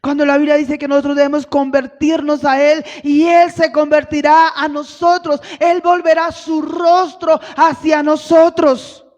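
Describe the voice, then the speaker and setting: In a reverberant church hall, captured on dull lo-fi audio, a woman missionary delivers a sermon in a high voice that barely moves in pitch, a little slow and darkish with few pauses. Her rhetorical questions and acted-out quotations build steadily in force.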